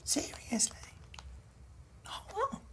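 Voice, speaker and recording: A woman's voice: fairly high pitch, animated, background noise. An actress playing a blunt, decisive woman in a TV soap who has lost her memory. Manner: blunt, quick to decide. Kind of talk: TV soap acting.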